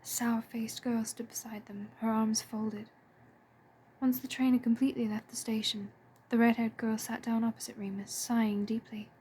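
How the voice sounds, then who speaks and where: A woman narrating a story in a soft, hushed, breathy voice, pitched fairly high yet mellow in tone. A faint hiss of noise sits under the reading. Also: flat delivery, moderate pace. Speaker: fan audiobook reader.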